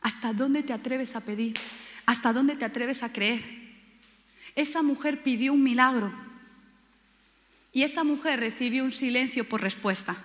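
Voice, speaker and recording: A woman's voice: high-pitched, normal speed, long pauses. A woman from Spain preaching a sermon with passion, repeating key words and acting out quoted voices. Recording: long hall reverb.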